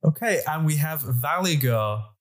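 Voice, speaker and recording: A man's voice: on the high side, expressive, unhurried. A man hosting a podcast, casually asking questions and leading playful games. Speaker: podcast host. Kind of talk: casual chat.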